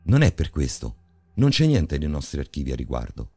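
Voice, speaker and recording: A man's voice: a bass voice, huge pitch swings, moderate pace, mellow, slightly rough, full character voice. A man voicing an irritable middle-aged woman librarian in a horror audiobook, curt and scolding. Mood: cold.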